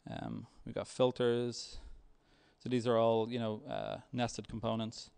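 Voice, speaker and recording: A man with a mid-pitched, noticeably creaky voice presents software at a tech meetup, giving a conference talk with a live demo. He speaks haltingly and hesitantly, like a developer guiding an audience through a demo, and his delivery is flat.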